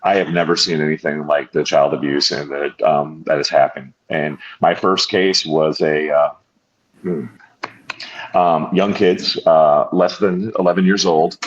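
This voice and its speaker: A man's voice: extremely low pitch, fairly even intonation, a little slow. A middle-aged man from northern Illinois, a show guest, telling his story candidly in a rambling way, repeating words and correcting himself. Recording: dull lo-fi sound.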